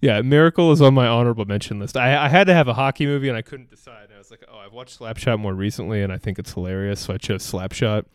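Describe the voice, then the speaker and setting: A man's voice: medium pitch, fast, hardly any pauses, smooth. A man co-hosting a podcast, chatting casually about movies with a laid-back, wry manner. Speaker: podcast co-host.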